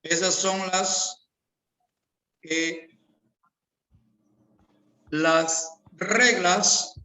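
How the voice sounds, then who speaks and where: Speaking very slowly, a man teaching English walks through a grammar lesson in class, stretching out every word and repeating examples. He has a bright, high voice, and the room sounds large and echoey.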